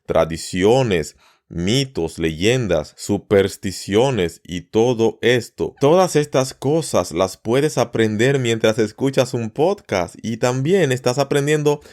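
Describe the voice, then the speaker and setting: A man hosting a podcast lesson, teaching learners at an easy pace and often repeating words or listing them slowly one by one. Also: medium pitch, lively intonation, a little mellow. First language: Spanish. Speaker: Spanish teacher and podcast host.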